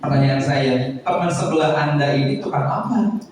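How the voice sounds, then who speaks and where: A man with a Sundanese accent giving a lively seminar talk to parents on a handheld microphone. He jokes and keeps quizzing the audience. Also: a little high, normal speed, far from the mic, crowd noise. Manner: jokey, quizzes the audience, slips into Sundanese phrases. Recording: echoey hall, voice picked up from afar.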